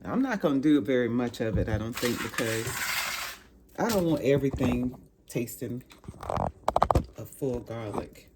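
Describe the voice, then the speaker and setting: A woman with an extremely low-pitched, animated voice chats with viewers in a casual home cooking vlog, thinking aloud as she cooks in her kitchen. She speaks at normal speed with long pauses, and heavy background noise comes from a pan loudly frying and sizzling.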